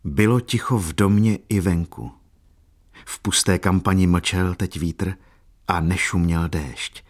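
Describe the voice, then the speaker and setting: A man with a very low, deep voice reads a classic novel aloud. His delivery is slow, solemn and measured, lingering over each phrase. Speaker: narrator. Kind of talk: audiobook reading of a classic novel.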